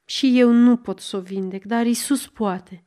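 A woman narrator voicing a gentle middle-aged lady of the house in a storybook reading, soft and consoling. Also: fairly high pitch, steady tone, close to an everyday voice. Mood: tender.

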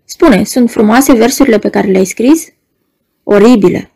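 A man's voice: high voice, creaky, a little mellow, slightly rough, heavily acted. A woman reading an audiobook, voicing a young male poet who talks bluntly and sheepishly. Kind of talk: audiobook character voice.

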